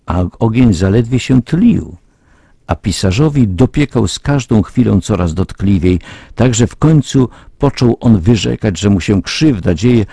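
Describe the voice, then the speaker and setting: A man reading a moral fable aloud in a measured, solemn, earnest storytelling manner. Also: lowish voice, vocal fry, warm tone, husky, dry recording, clean studio sound.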